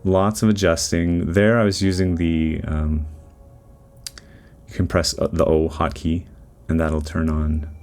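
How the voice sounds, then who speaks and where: A man giving relaxed, rambling voice-over commentary on his 3D modeling timelapse, with lots of fillers and restarts. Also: low-pitched, measured pace. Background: faint background music.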